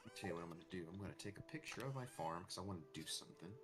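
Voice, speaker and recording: Lively low-voiced man rambling. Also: rapid-fire. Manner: rambling, thinking aloud with restarts. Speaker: gameplay streamer. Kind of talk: casual gameplay commentary. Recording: clear music behind the voice.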